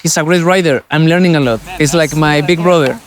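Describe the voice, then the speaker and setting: A man's voice: a little high, brisk, a crowd in the background. A man from southwest Spain, an adventure rider, speaking in a reflective, playful way in a documentary interview. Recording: music bed under interview. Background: music.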